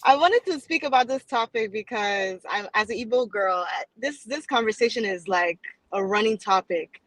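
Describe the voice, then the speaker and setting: A woman's voice: mid-range voice, animated, normal speed, a bit bright, dry recording, low-quality recording. A woman calling in to a livestream chat, her voice cutting in and out over a bad connection. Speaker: caller on a livestream. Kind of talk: casual chat. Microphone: remote call.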